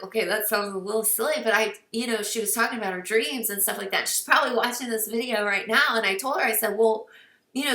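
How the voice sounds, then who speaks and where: A woman's voice: a little high, bright, forceful tone, echoey room, far from the mic. A woman in her thirties or forties, a team coach giving an earnest, encouraging recruiting talk with many fillers, getting teary at times. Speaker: fitness business team coach. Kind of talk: casual recruiting talk to camera.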